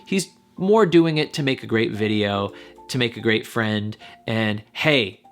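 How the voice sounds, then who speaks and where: A man's voice: fairly low pitch, a little slow, soft background music. A man, a dating coach, giving candid, analytical commentary on a video he is reacting to. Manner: candid, analytical, occasionally swears.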